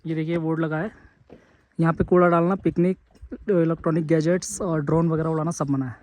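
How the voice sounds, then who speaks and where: A man with a high voice chats casually to his viewers as he treks up a foggy hill trail. He is recorded on a handheld camera mic, with clear outdoor noise behind him. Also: flat delivery, brisk, a little mellow, low-quality recording. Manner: chatty, talks to viewers while trekking. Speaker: travel vlogger. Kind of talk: casual vlog narration to viewers. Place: outdoor hill trek in fog.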